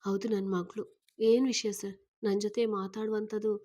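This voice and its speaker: A woman reading a story voices a young single mother who speaks with firm, pleading resolve, close to tears and anxious. Her medium-pitched, mid-range voice stays plain and steady, unhurried and only lightly acted.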